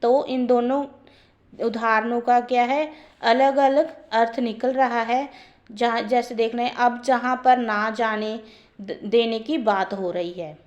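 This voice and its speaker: Slow, higher-voiced woman teaching grammar. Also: a little mellow, highs cut off. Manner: repeats points, explains step by step. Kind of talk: grammar lesson.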